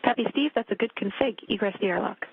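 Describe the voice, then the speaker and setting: A woman at mission control giving brisk, procedural instructions over a crackling space-to-ground radio link. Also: medium pitch, vocal fry, breathy edge. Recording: tinny noisy radio link.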